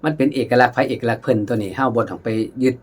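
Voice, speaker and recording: A man with an Isan accent giving a casual khaen lesson, chatting warmly to viewers as brothers and sisters and sometimes singing melodies in syllables. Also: mid-range voice, racing, husky. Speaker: khaen teacher.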